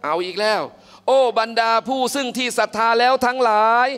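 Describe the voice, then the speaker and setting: A male religious teacher gives an animated Quran commentary lesson in a mosque, often asking his listeners questions. His voice is high-pitched. A long hall reverb trails behind each phrase. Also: brisk, clear, resonant tone, faint music behind. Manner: animated, acts out characters, quizzes listeners.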